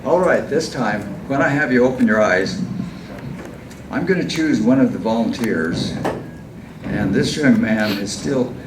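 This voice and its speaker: A man with a lowish voice hosts a live stage hypnosis show. He coaxes volunteers through suggestive instructions, step by step. The sound is distant and echoey, with clear background noise. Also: unhurried. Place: large echoey indoor venue with audience. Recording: echoey hall from far off, noisy background.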